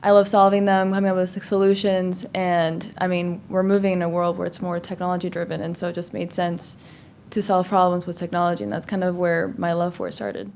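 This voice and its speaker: A woman's voice: on the low side, steady tone, brisk, darkish tone, a little hiss or hum. Upbeat chatty woman from Cuba. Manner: upbeat, chatty, with frequent ums. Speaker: podcast guest, product manager. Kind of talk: casual interview talk.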